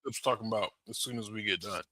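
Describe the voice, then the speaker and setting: A man co-hosting a casual podcast on a plug-and-play mic, talking in an easygoing, halting way. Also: fairly low pitch, pushed and bright. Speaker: podcast co-host. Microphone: plug-and-play USB mic.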